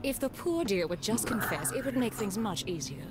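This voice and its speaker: A prim older lady from a video game, played by a woman, sly and sweetly condescending. Her delivery is very lively, with music clearly behind her. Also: on the high side, normal speed, lightly acted.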